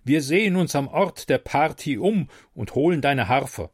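Brief: male reader as a stern, imposing seraph, slow, thundering, commanding, dry close audiobook mic. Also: a little high, lively intonation, slightly rough, no echo.

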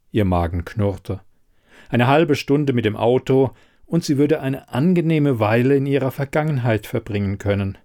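A man reading an audiobook chapter in a calm, measured scripted narration. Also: medium pitch.

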